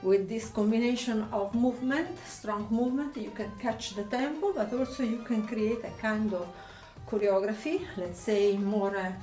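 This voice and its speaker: A woman's voice: fairly high pitch, normal speed, mellow. A woman with an Italian accent, whose first language is Italian, teaches a belly dance lesson and calls out counts and step cues as she dances. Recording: echoey room, distant mic, faint music.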